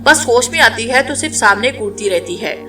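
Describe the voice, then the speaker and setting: Woman playing a schoolgirl, earnest, bright voice, faint music. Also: on the high side, animated, a little fast. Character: loyal teenage schoolgirl friend.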